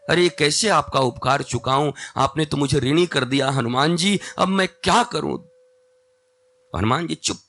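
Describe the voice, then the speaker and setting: A man's voice: medium pitch, vocal fry, sharp tone. A middle-aged man giving a religious discourse as a spiritual teacher, emphatic and storytelling, exhorting his listeners.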